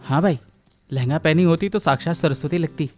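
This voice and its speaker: A man's voice: on the high side, brisk, darkish tone, faint music behind, lightly acted. A man dubbing a cowardly young street goon who pleads and fawns in Mumbai street Hindi. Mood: fawning. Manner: pleading, fawning street slang. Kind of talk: Hindi film dub.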